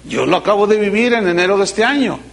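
Pastor guy preaching, pretty high voice, lively, acts out what people say then goes real quiet. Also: fast, creaky. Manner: animated preaching with quoted voices and sudden soft drops. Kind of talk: sermon.

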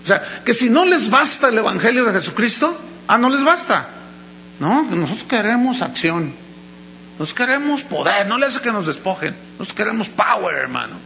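A man's voice: high-pitched, sing-song, normal speed, creaky, sharp tone, a little hiss or hum, rough recording. A man preaching a sermon, telling stories animatedly and acting out the voices of the people he quotes. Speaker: pastor.

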